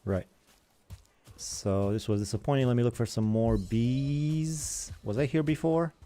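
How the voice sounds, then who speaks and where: A man's voice: medium pitch, unhurried, mellow. A young man hosting a gaming channel, rambling in casual chatter as he plays and comments on other games.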